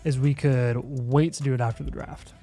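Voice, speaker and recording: A man's voice: medium pitch, fairly even intonation, moderate pace, music in the background. A man co-hosting a casual livestream, laid-back with brief dry remarks. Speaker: livestream co-host.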